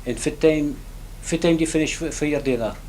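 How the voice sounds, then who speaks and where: A man's voice: a little high, brisk, a little mellow, slight background noise, poor audio. A man with a broad Scottish accent interviewing casually, with murmured affirmations and short questions in dialect. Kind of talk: casual oral-history interview.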